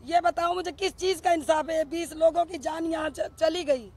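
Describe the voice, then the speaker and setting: A middle-aged bereaved mother gives an emotional statement to the press on a crowded street outdoors, speaking into a cluster of press microphones. She accuses and demands answers through rhetorical questions, her voice very high-pitched and darkish, with fairly even intonation at normal speed.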